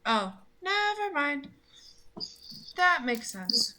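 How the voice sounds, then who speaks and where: A young woman's high-pitched, very animated voice has a sharp tone, and she draws out her words. She chats playfully and casually with a gaming partner, hesitating at times, over faint background noise.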